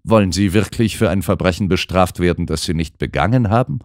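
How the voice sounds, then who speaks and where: A man voicing a calm, shrewd gentleman detective. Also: low voice, no echo, studio quality. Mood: insistent. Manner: measured, precise, explaining. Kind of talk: audiobook character voice.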